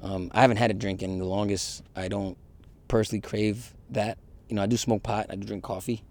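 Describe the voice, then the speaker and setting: A man with a lowish voice and a gravelly, fry-heavy edge, speaking in a candid confessional monologue. He rambles, leans on fillers and restarts, and swears freely as he thinks aloud. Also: fairly even intonation, brisk, a little mellow. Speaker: vlogger.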